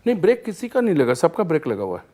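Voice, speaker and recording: A male singer, a guest on a talk show, telling anecdotes in an animated way and often laughing as he goes. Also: fairly high pitch, rapid-fire. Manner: lively storyteller, acts out scenes and laughs often.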